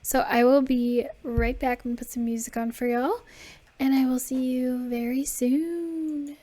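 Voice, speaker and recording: High-voiced chatty woman streamer. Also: fairly even intonation, a little slow, mellow. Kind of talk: casual chat to stream viewers.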